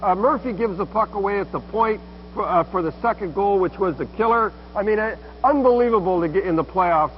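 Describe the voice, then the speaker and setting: A man's voice: high-pitched, fairly quick. A man with a Canadian accent giving blunt, emphatic, opinionated hockey commentary in short punchy phrases. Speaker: hockey broadcast colour commentator. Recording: dull lo-fi broadcast with background noise.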